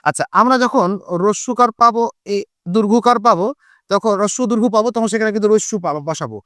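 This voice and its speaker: A male Bengali teacher with a Bangladeshi accent, giving a slow, deliberate exam-prep lesson that stresses each example word. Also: high voice, fairly bright tone, dry recording, clean studio sound.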